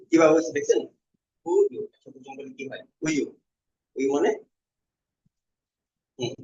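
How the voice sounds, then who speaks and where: In this dull, lo-fi classroom clip, a man teaching a language speaks at a fairly high pitch with a slightly mellow tone. He explains vowel shapes step by step. Each sound gets a slow repetition before he puts questions to his students.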